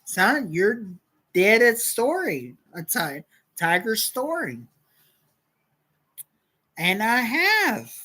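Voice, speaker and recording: Woman livestream host, rambling and profane, bright lively delivery with a slightly high voice. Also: drawn-out words, pauses often, slightly rough, low-quality recording. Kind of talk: casual livestream storytelling.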